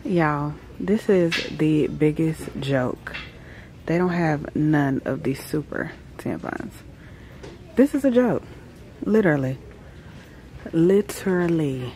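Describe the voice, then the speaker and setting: A woman's voice: low voice, animated, takes it slowly, long pauses, dark tone, slight background noise, poor audio. A woman in her thirties from Georgia, chatting casually and slangily to her viewers while running errands. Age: 30s. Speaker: vlogger. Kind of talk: casual vlog chat. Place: out and about on errands, car and stores.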